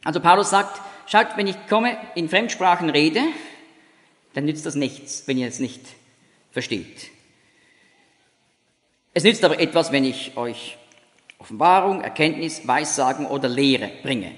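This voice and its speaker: A man's voice: on the high side, animated, measured pace, pauses often, fairly bright tone, long reverb tail. A man preaching a sermon and explaining scripture verse by verse, sometimes demonstrating sounds to make a point.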